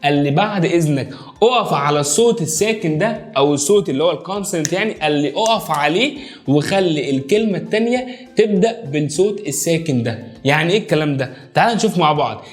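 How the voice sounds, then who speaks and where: Energetic Egyptian man teaching English. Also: a little high. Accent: Egyptian Arabic. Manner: energetic, drills phrases by slow repetition. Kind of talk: whiteboard language lesson.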